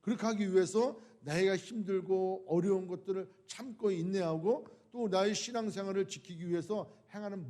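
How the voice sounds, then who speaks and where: A man with a fairly high voice preaches a sermon in a church. He presses his listeners with question after question, swelling to forceful appeals, then falls back to a near murmur. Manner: impassioned, rhetorical questions, swings from loud to hushed. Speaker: pastor. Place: church sanctuary.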